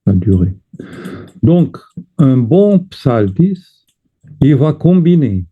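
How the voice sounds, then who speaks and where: Guy teaching chant really slow, stops to sing little bits, sounds like it's over a phone. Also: mid-range voice, very animated, slightly rough, phone-quality sound. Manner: slow, deliberate explanations, breaking off to sing chant phrases. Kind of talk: teaching lesson with sung examples.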